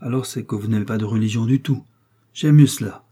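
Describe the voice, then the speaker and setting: A man's voice: mid-range voice, fairly quick, dark tone, husky, close to an everyday voice. A man voicing a sneering, mocking aristocratic baron. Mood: sneering mockery. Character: sneering aristocratic English baron, middle-aged.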